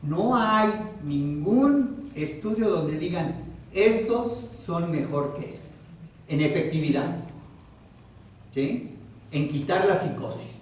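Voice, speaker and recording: A man with a Mexican Spanish accent giving a psychoeducation lecture as a psychiatrist, questioning the audience and repeating key terms slowly. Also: on the high side, expressive, slight background noise. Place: hospital lecture room. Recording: very echoey room from far off.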